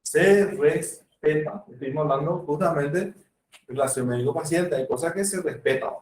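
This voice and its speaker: On the high side and a bit mellow, this man's voice moves at a normal speed. He is a Paraguayan Spanish speaker teaching a university medical lecture, mixing in examples and performed patient conversations. It was recorded from far off the mic in a roomy space.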